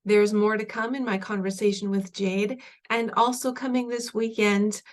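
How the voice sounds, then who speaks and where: A woman podcast host speaks in an even, level tone with little rise and fall. She offers attentive listening sounds and wraps up the episode plainly. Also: medium pitch, normal speed. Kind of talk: interview host, brief backchannels and outro.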